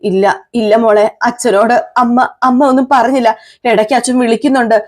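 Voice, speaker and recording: A worried middle-aged mother soothes and pleads with her daughter, voiced by a woman reviewer. Her voice is a little high. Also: fairly even intonation, moderate pace, a little mellow, natural voice. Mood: soothing.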